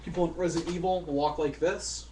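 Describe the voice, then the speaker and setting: A man's voice: a little high, steady tone, quick pace, background noise. A man giving a casual, rambling game review, full of fillers, offhand and self-deprecating, with casual swearing.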